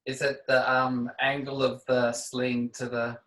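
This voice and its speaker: A man in a climbing class, speaking on a video call from a little way back from his computer, so his voice has a hollow echo as if he were down a well. He answers in halting bits, thinking aloud. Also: medium pitch, completely flat delivery, a bit bright. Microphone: video call, sitting back from the computer. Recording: echoey, distant video-call sound.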